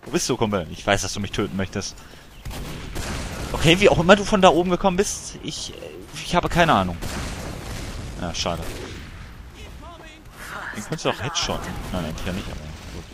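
A man giving casual let's play commentary, excitable and chatty as he banters with other players. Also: fairly low pitch, a little fast, long pauses, background noise.

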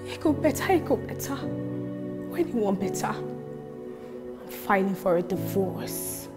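An actress performing a monologue as a hurt, proud wife leaving her unfaithful husband, rising from quiet to loud. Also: lively intonation, slow pace. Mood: anguished. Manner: builds from low and quiet to loud and strained. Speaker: actor performing an audition monologue. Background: clear music.

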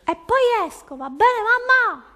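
A woman's voice: big pitch swings, slow pace, pushed and bright, heavily acted. A woman voicing a small child who bargains and pleads with their mother to keep swimming. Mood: pleading. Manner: high, wheedling, bargaining. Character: whiny pleading little child at the beach.

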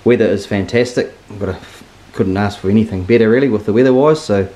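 A man's voice: on the low side, fast, warm tone, low-quality recording. A man with a broad New Zealand accent chatting casually and matily as a laid-back hunting guide. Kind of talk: casual chat. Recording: clear background noise, clicks.

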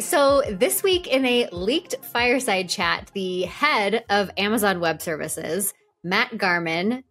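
Female podcast co-host, a bit high, chatty and giggly. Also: a bit bright. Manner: laughs often, chatty. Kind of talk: casual tech chat.

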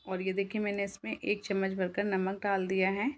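A woman talks viewers through a home recipe in a steady, level voice that barely rises or falls. Her pitch sits in an ordinary middle range, and she explains each step plainly as she cooks. It sounds like a simple phone recording from a home kitchen. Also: moderate pace. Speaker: cooking channel host. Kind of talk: casual cooking voice-over.

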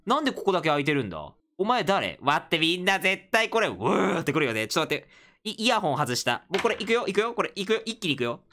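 A man casually commenting on a horror game he is playing, excitable and yelping when scared. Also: high voice, fast. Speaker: gaming video host. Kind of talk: casual let's-play commentary.

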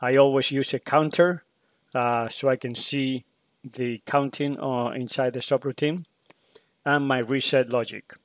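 Slow, hesitant man walking through code. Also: medium pitch, steady tone, dry recording. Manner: hesitant, many fillers and restarts. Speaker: PLC programmer demonstrating code. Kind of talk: screen-recorded tutorial walkthrough.

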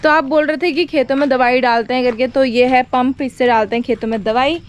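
A woman's voice: high voice, fairly even intonation, brisk. A young woman walking through farm fields, chatting casually to viewers on a phone camera and pointing out the crops. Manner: chatty, shows things to viewers. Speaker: vlogger. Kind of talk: casual farm vlog narration.

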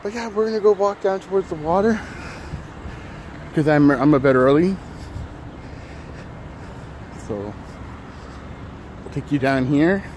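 A thirty-something vlogger walks outdoors through the city in the early morning, talking casually and a little out of breath. His voice is on the high side with a darkish tone, animated and at normal speed, broken by long pauses and many fillers and restarts. The phone at arm's length captures traffic and city noise.

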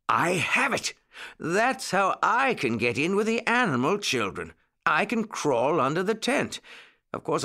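A man voicing an elderly, cheerful rabbit gentleman in a storybook who speaks eagerly and keeps exclaiming. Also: lowish voice, vocal fry, full character voice. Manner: excitable, exclaiming.

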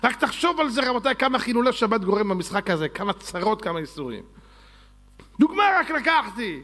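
A rabbi giving a Torah lecture, preaching fiercely with scolding rhetorical questions and sarcastic asides. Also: male voice, high voice, sharp tone.

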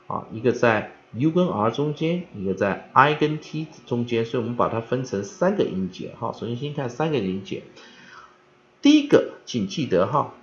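A man teaching English pronunciation, spelling out letters and repeating each word slowly three times, with many spoken fillers. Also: mid-range voice, sing-song. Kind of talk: vocabulary pronunciation lesson. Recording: dull lo-fi recording.

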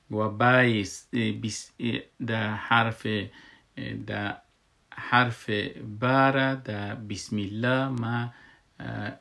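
A man's voice: fairly low pitch, vocal fry. A man with an Afghan Dari accent teaching Quran recitation, patient and repeating words and examples so students can drill them. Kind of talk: tajweed lesson.

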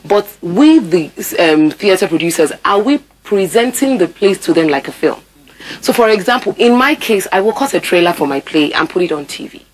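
A woman in her thirties with a Nigerian accent, an actor and theatre producer, is a guest in a broadcast interview in an indoor TV studio, speaking into a lapel mic. Her fairly low voice is expressive and moderately paced, and she's emphatic, repeating words to drive her points home. The recording is rough.

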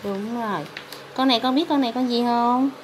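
A woman's voice: fairly high pitch, a little fast. A woman with a southern Vietnamese accent, a mother reading a picture book to her toddler, prompting with questions and encouraging. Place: hard-tiled room at home. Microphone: handheld phone camera. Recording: noisy handheld home phone video.

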